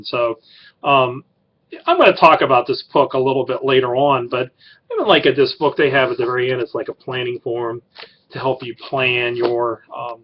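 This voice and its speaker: A man's voice: medium pitch, muffled recording. A middle-aged man who teaches college writing, giving a class introduction in a rambling way with many fillers and restarts. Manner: rambling, filler-heavy, self-correcting.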